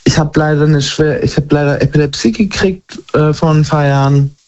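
A man in his twenties from Germany, talking candidly and haltingly about his own life in a conversation. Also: fairly high pitch, steady tone, a little mellow. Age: 20s. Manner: halting, searching for words. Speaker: guest. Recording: dull lo-fi sound.

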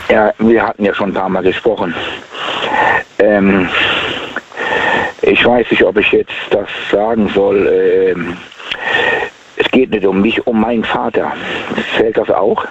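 Guy phoning into a radio show from his car, muffled line, halting and full of ums. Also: fairly low pitch, steady tone, slight background noise. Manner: hesitant, halting, many fillers. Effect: heard over the phone. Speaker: radio call-in caller. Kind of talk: casual call-in chat. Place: sitting in a car.

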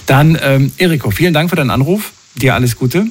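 A man's voice: mid-range voice, a little fast, husky. A man hosting a radio phone-in show from the studio, chatting casually with callers and listeners. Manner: chatty, warm-hearted asides.

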